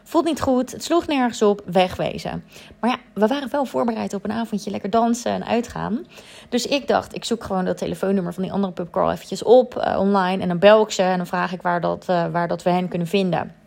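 A woman's voice: medium pitch, fast, vocal fry, darkish tone. A woman in her thirties casually telling a personal story, chatty, with many fillers and English words dropped in.

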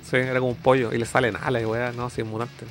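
A man's voice: mid-range voice, little pitch movement, quick pace, a bit bright, soft background music. A man with a Chilean accent co-hosting a stream in casual chat, slangy and often groping for words with restarts. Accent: Chilean Spanish. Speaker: streamer co-host.

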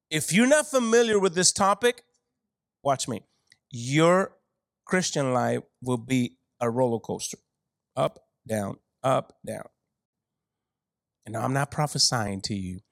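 Brief: male preacher, lively sermon, playful humor, close dry mic. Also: no echo, rough recording. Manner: animated, joking asides, laughs often, big swings in pitch and loudness.

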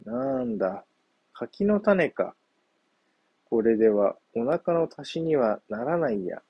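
A man's voice: medium pitch, lively intonation, moderate pace, slightly rough, lo-fi sound. A man voicing a hungry, sly young male monkey in a children's story, whiny and boastful.

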